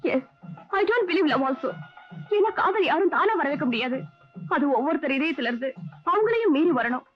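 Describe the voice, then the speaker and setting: A young heroine in a 1980s Tamil film, her voice pitched high as she pleads and apologizes with open emotion. The sound is dull and lo-fi, like an old film soundtrack, with faint music underneath. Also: animated, normal speed. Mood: remorseful. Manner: emotional, imploring, mixes English phrases. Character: young woman, remorseful, pleading with her suitor.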